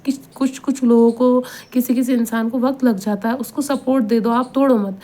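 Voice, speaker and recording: A woman speaks in a somewhat high, mellow voice, delivering Islamic motivational advice. She talks earnestly and repeats her points with a pleading tone, often turning to the listener for agreement. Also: fairly even intonation.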